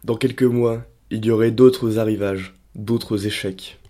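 Mellow low-voiced male storyteller. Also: fairly even intonation, unhurried. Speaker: narrator. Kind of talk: dramatic reading of a story.

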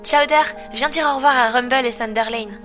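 A kind mother mare from a storybook, friendly and generous, as a woman puts her on. Her voice is fairly high and bright. She speaks in a motherly way. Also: brisk, soft background music, close to an everyday voice.

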